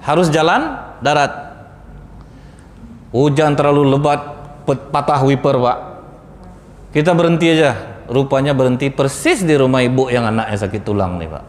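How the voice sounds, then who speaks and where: Preacher in an echoey hall. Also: male voice, normal speed, pauses often. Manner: addresses audience as Pak and Bu, acts out dialogue in lowered voice. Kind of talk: sermon storytelling. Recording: echoey hall, faint background noise.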